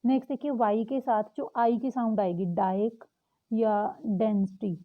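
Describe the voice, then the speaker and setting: A young woman teaching a lesson, patiently repeating example words slowly. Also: fairly high pitch, steady tone. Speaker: English teacher. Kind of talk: explaining a lesson. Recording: tinny phone-like audio.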